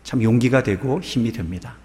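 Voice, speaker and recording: A male pastor delivering a sermon at a measured, unhurried pace, leaning into each phrase. His mid-range voice carries through a large sanctuary with a long reverb tail. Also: mid-range voice, darkish tone. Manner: slow, measured storytelling. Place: church sanctuary.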